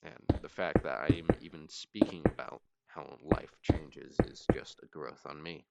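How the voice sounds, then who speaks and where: Very deep, gravelly, weary man. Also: fairly even intonation. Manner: weary, halting and brooding, trailing off. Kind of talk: late-night rambling solo monologue. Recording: clearly noisy amateur recording with clicks.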